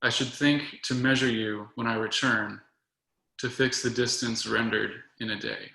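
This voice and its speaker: Young man, poetry reader, measured and soft, bright and gravelly, roomy room sound. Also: mid-range voice, fairly even intonation. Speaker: poet reading his work. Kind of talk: poetry reading. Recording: roomy echo.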